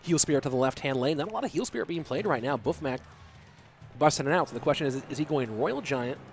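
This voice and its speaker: Fast and mid-range in voice, a young esports caster with a cold-blocked nose keeps things relaxed and chatty over soft background music. He handles the play-by-play solo and reads out and answers chat questions between plays.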